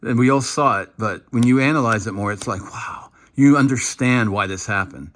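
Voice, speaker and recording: A man giving casual, animated commentary while breaking down football game film, now and then acting out what the players shout. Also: mid-range voice, moderate pace. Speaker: football analyst.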